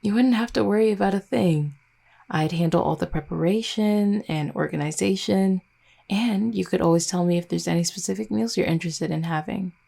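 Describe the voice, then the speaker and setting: A woman voices an affectionate vampire girlfriend who teases and dotes in an intimate roleplay, keeping the talk tender and conversational. Her voice is fairly low, gravelly yet mellow, and she speaks a little fast.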